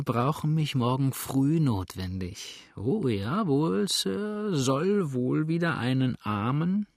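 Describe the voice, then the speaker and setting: A man voicing a drunken, boastful young dandy who slurs his words slowly and swoops up high, tossing in French phrases. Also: creaky, no room sound, studio quality, heavily acted. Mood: drunken mocking. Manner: slow slurred speech with wild high swoops, sprinkles French. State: drunk, slurring. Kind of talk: audiobook character voice.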